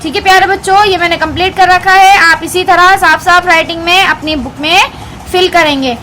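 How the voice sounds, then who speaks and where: A woman teacher from India giving an online lesson to young children, explaining a textbook page by page in a clear, instructive way. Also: very high-pitched, fairly even intonation, a little fast, background noise. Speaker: primary school teacher.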